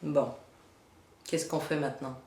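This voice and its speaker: A woman's voice: low-pitched, fairly even intonation, unhurried, dark tone. A woman playing a pragmatic, sceptical mother hunted by machines in a film parody, talking in a casual, matter-of-fact way. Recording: roomy, some background noise.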